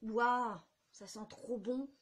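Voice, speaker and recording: A woman's voice: on the high side, fairly even intonation, takes it slowly, breathy edge. A woman vlogger chatting casually through a shopping haul, hesitant, with many fillers, and unsure when pronouncing product names.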